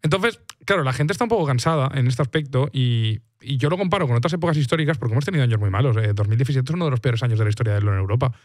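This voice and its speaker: A man from hosting a casual esports podcast, animated, and acting out what people say in quick bursts. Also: mid-range voice, dry recording, studio quality. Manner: rapid, animated, acts out quoted reactions.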